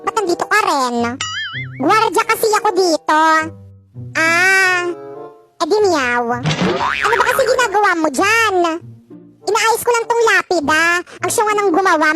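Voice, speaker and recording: A voice performing playful comedic cartoon skits, switching between all the characters. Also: extremely high pitch. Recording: music playing clearly behind the voice.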